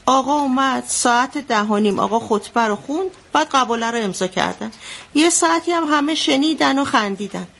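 A woman's voice: a little high, vocal fry, a little hiss or hum. An actress playing an anxious mother who recounts a bloody wedding in a radio drama, telling it vividly. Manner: vivid storytelling, shouting out the quotes she retells.

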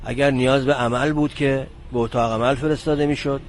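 A man's voice: mid-range voice, fairly even intonation, a little hiss or hum. An older man, a former wartime nurse, giving plain explanatory answers in an interview.

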